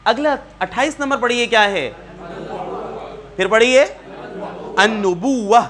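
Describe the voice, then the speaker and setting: Guy teaching a small quran class, pretty high bright voice, keeps saying read it again and fixing how they say stuff. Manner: patient, asks students to repeat words and corrects pronunciation. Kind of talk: classroom teaching, word drills. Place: neighbourhood class room.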